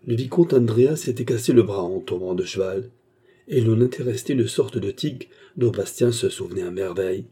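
A male audiobook narrator with a low, very dark, mellow voice. The tone is husky throughout. His storytelling is steady and measured. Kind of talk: scripted narration.

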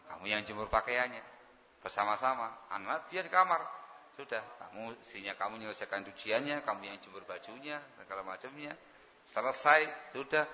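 A man preaching a sermon, acting out household scenes and swinging between loud outbursts and hushed asides. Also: medium pitch, big-room sound, highs cut off, slight background noise.

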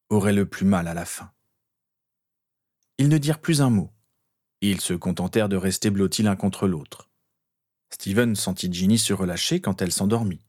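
A man narrates an audiobook with a steady, even delivery. His voice sits on the low side.

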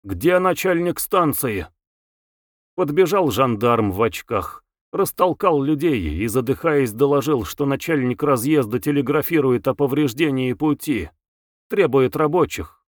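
Audiobook narrator, male, measured, lively intonation, dry close-mic sound. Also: medium pitch, dry recording.

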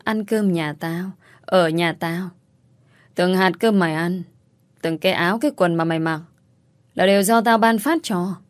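A woman's voice: lowish voice, normal speed, long pauses, no echo, natural voice. A woman voicing a harsh, bullying sister-in-law in a told story, scolding and insulting with contempt. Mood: scornful scolding. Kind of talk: storytelling, acted dialogue.

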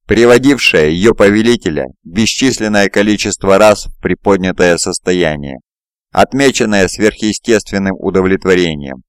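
Low-voiced male audiobook narrator. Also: clean tone, no echo, studio quality. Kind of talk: scripted fantasy narration. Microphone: close mic, home recording.

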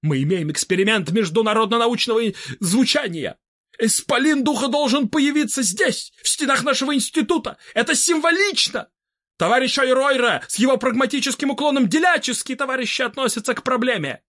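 A man voicing a pompous middle-aged scientist who preaches in slow, slogan-filled phrases. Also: very high-pitched, expressive, a bit bright, full character voice. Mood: rousing. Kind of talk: audiobook character reading.

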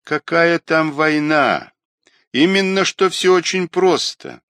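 A man's voice: a little high, lively intonation, takes it slowly, fairly bright tone, no room sound, voice pushed up, heavily acted. A man voicing a guilt-ridden young male small-time trader who talks in a confessional, self-pitying way. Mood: rueful.

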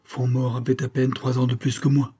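A man voicing a brusque, commanding colonel with a high, clipped military voice. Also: monotone, normal speed, dark tone, husky, natural voice. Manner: curt, commanding. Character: brusque loud male cavalry colonel.

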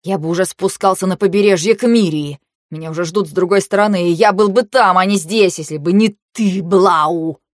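A woman voicing a mocking, panicky young nobleman who swings from sneers to shrill outbursts, in a storybook reading. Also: fairly quick, no echo, clean studio sound, close to an everyday voice. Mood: feverish.

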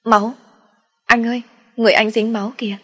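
A woman's voice: fairly even intonation, a little fast, fairly bright tone, in a large hall. A woman voicing a small, frightened little boy in an audio story. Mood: scared. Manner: high, childlike.

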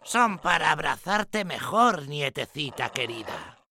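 A man voicing a sly, hungry wolf who talks in a falsely sweet, slow, coaxing way in a storybook reading. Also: fairly high pitch, sing-song, pushed and bright, no echo, studio quality, voice pushed up, exaggerated voice.

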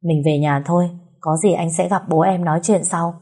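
A woman voicing a calm, protective young man who speaks softly and reassuringly. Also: lowish voice, moderate pace, lightly acted. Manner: soft, reassuring. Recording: roomy echo.

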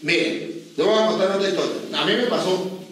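A priest with a fairly high voice, preaching from a distance in a very echoey hall with faint room noise behind him. He tells his stories lively, acting out each person's voice. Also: fairly quick. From Venezuela. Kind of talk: preaching with storytelling.

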